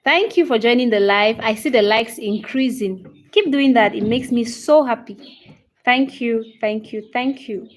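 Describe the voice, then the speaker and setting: She's an English teacher in her thirties, a Cameroonian English accent shaping her speech, chatting casually on a livestream lesson where she greets each viewer by name and answers comments one after another. Her pitch is fairly high and her pace measured, and she often repeats herself and adds "okay?" to check in.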